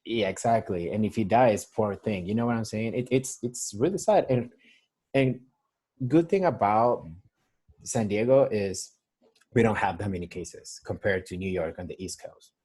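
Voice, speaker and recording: Man, Mexican accent, husky low voice, rambling phone-call chat. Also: moderate pace, darkish tone. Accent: Mexican Spanish. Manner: rambling, full of restarts and "like". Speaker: nurse. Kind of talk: casual interview over a call. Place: San Diego.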